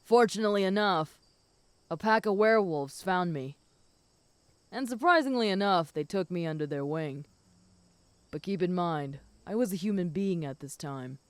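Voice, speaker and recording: A woman voicing a flirty, possessive and protective female werewolf in an intimate audio role-play, speaking teasingly to the listener in a smooth voice. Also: lowish voice, lively intonation, normal speed, no room sound, close to an everyday voice. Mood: relaxed, reflective. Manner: flirty, teasing, with soft chuckles.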